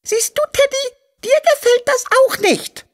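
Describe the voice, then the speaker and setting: A woman's voice: very high-pitched, unhurried. A woman voicing a small, fretful and playful boy king in a cartoon who sighs, whines and giggles. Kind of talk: cartoon voice acting.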